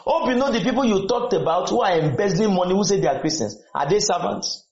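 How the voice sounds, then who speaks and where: A man with a high, slightly mellow, expressive voice preaches a sermon to students at a quick pace, firing questions at them and exhorting them as he repeats his points in a call-and-response style. The recording sounds dull and lo-fi, captured in an echoey room.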